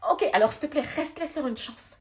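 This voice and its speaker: A woman's voice: high-pitched, fast talker. A young woman acting in a comedy skit, coaxing and pleading.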